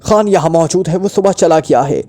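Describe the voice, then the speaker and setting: A terrified doctor begs and stammers, as a man voices him. His pitch climbs high with panic over a dark, mellow tone, the way a storybook captive pleads. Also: normal speed, close to an everyday voice. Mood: panicked pleading. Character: terrified, beaten male doctor begging.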